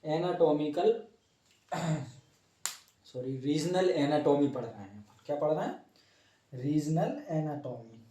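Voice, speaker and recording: A man's voice: a little high, lively intonation, unhurried, pauses often, dark tone, recorded from a distance. A young man teaching a class informally, joking and teasing himself and his students as he draws. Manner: playful, self-mocking, chatty. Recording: echoey room, voice from off-mic.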